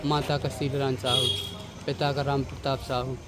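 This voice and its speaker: A man's voice: mid-range voice, flat delivery, moderate pace. A young man from central India angrily recounting events to a reporter, calling him sir. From Damoh district, India. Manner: urgent, aggrieved, repeatedly addressing the reporter as sir. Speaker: bereaved family member. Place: outdoors at a hospital at night. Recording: outdoor street noise.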